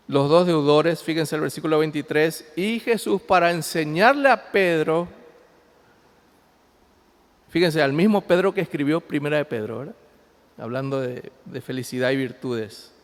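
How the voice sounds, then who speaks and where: A man's voice: a little high, normal speed. Man preaching in a reverberant church. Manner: reads scripture aloud and explains it to the congregation; swings between loud emphasis and quiet asides. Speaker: pastor. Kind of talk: sermon. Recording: long hall reverb.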